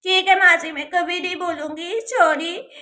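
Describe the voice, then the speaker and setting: Casting note: a woman doing a whiny little girl for a doll storybook, very high and bright. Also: steady tone, moderate pace. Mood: pleading. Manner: whiny, insistent. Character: stubborn pleading little girl.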